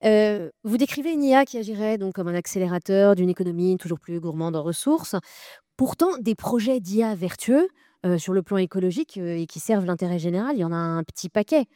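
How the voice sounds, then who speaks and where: A woman's voice: medium pitch, animated, a little fast, mellow, no room sound, clean studio sound. A woman moderating a debate, asking long questions with many filler sounds.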